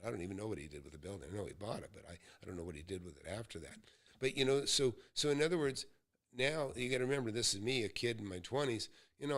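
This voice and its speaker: Hosting a live Q&A, a real estate mentor from the United States, aged in his sixties, shares advice in a homespun, wandering storytelling manner. His voice is lowish and creaky.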